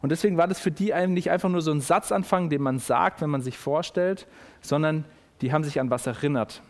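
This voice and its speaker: A man preaching a sermon, explaining slowly and repeating key phrases for emphasis. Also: a little high, darkish tone.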